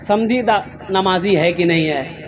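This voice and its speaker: A man from India preaching a sermon. He asks rhetorical questions and answers them himself, repeats emphatic phrases, and swings between raised, impassioned delivery and quiet storytelling. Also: high voice, measured pace, slight background noise. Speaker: Islamic preacher. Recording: live gathering with audible crowd.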